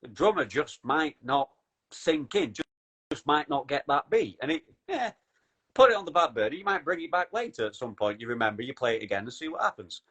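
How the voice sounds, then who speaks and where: A man hosting a podcast in casual chat, animated and swearing when excited. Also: fairly high pitch, fairly quick, slightly rough. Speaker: podcast host.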